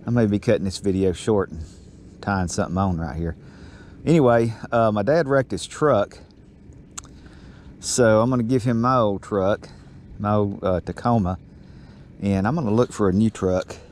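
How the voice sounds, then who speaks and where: A fishing vlogger with a low voice chats casually at normal speed while fishing outdoors on a small boat on calm water. A body-worn action camera records him, leaving steady outdoor noise in the audio.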